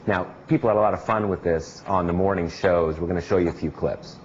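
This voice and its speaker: Brief: very low male news host, calm and wry, dull lo-fi sound with faint hiss. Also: brisk. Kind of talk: news commentary. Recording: dull lo-fi audio with faint noise.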